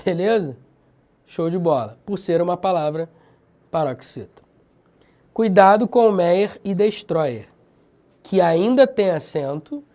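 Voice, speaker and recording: Lively slangy Brazilian grammar teacher. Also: male voice, high voice, a little slow, pauses often. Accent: Brazilian Portuguese. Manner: lively, slangy, emphatic drilling of examples. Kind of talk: recorded video lesson.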